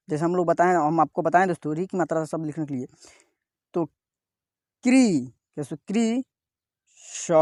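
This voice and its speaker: A male teacher giving a step-by-step reading lesson, sounding out each syllable slowly and repeatedly asking his viewers "what, friends?". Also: on the high side, no room sound, studio quality.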